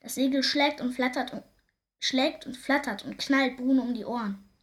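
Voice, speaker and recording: A woman reading a children's story aloud in a lively, expressive way. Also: sits high, moderate pace.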